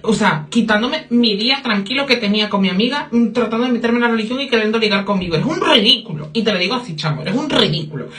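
A woman's voice: a little high, lively intonation, fast, hardly any pauses, a bit bright. A young woman vlogging a gossipy story casually, giggling, swearing freely and dropping in English phrases.

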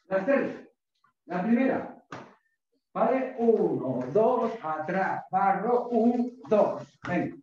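A man's voice: sits high, lively intonation, extremely slow, a little mellow. A middle-aged man instructing a karate class, barking counts and short drill commands like a gym coach. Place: small home dojo with mats, indoors. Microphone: far camera across the room. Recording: distant echoey dull room recording, faint noise.

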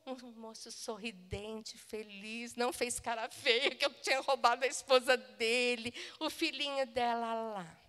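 High-voiced woman pastor telling a lively story. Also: unhurried, hardly any pauses, in a large hall. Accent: Brazilian Portuguese. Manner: animated, laughing storyteller. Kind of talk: sermon with a personal anecdote. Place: church auditorium.

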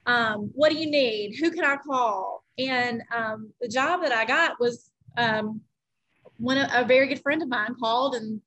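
A woman's voice: on the high side, a little slow, bright, forceful tone, rough recording. A woman panelist on a video call, candidly telling a personal story.

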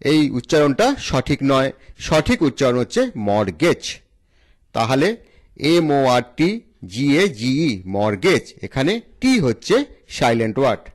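A man's voice: medium pitch, expressive, normal speed. A man with a Bengali accent hosts a pronunciation lesson, spelling English words letter by letter and then repeating the correct form. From India. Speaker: English teacher and channel host.

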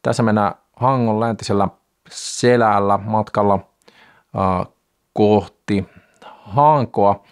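A middle-aged man talking to the camera from a small home studio, reviewing a camera in a calm, unhurried way with frequent hesitant fillers. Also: on the low side, smooth. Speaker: sailing channel host.

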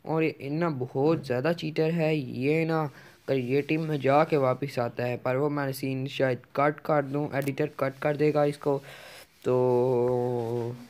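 Speaking at a medium pitch with a darkish tone, a gaming YouTuber talks over his gameplay. Urgency drives him to repeat words rapidly as he plays.

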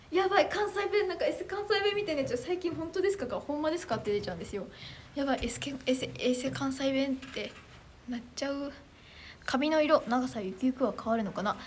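Teen girl from Chiba, high voice, bubbly stream chatter, light background hiss. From Chiba, Japan. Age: teens. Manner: bubbly, quick, animated and self-deprecating. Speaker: idol trainee streamer. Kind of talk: casual livestream chat reading comments.

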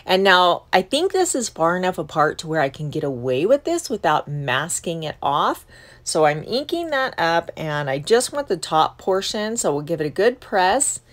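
A middle-aged woman hosting a casual crafting tutorial, chatty and upbeat as she explains each step in a voice-over. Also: low voice. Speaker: craft channel host.

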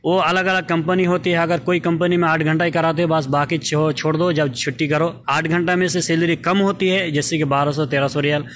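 A man's voice: fairly high pitch, steady tone, brisk, hardly any pauses, a bit bright, a little hiss or hum. A man giving a casual walk-through vlog of his supermarket job, talking in a chatty way with frequent fillers, recorded on a handheld phone in the store aisles. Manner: chatty, frequent filler "theek hai" and "doston".

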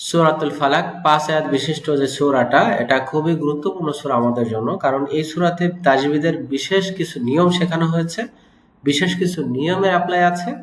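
A man with a high, light voice, teaching recitation in a patient, step-by-step way. He slows down and repeats sounds to show how they should be pronounced. The recording has a roomy, echoing sound. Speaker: Quran teacher. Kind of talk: recitation lesson with explanations. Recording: roomy echo.

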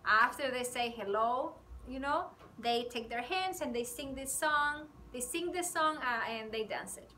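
In a classroom, a woman from Chile teaches kindergartners a bilingual song, singing with a ukulele and moving between Spanish and English. She speaks slowly and unhurriedly in a high, bright, animated voice. Picked up by a camera a few feet off, the audio carries slight hiss or hum.

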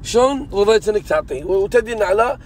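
A vlog host sits in a car chatting casually with a friend, earnest and insistent, swearing he means it. His voice is high-pitched, animated, and rapid-fire.

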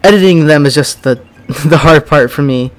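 A young man rambling through casual gameplay commentary, full of "like"s, with bursts of yelling. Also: on the high side, moderate pace, faint music behind. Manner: rambling, many "like"s, bursts of yelling while racing. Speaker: gaming YouTuber.

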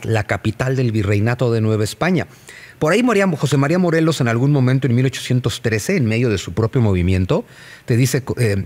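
A man with a Mexican accent explaining history in casual conversation, posing rhetorical questions. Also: medium pitch. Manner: animated, rhetorical questions to the listener.

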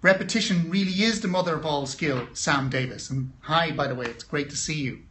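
A man's voice: a little high, brisk, a bit bright, slight background noise. A man, a mindset coach, giving an emphatic, encouraging motivational talk on a phone livestream.

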